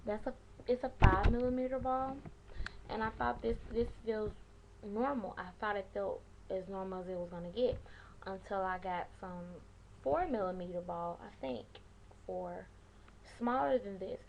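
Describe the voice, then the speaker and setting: A woman's voice: medium pitch, moderate pace, gravelly, darkish tone, slight background noise, low-quality recording. A young woman giving advice in a casual, slangy, rambling vlog style, easily sidetracked as she talks. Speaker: vlogger sharing piercing aftercare advice. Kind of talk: casual rambling chat to camera.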